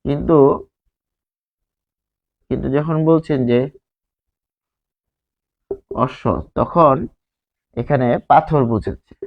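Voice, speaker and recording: Gravelly Bangladeshi male teacher. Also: a little high, highs cut off. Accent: Bangladeshi Bengali. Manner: explains slowly, repeats words, asks rhetorical questions. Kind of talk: whiteboard grammar lesson.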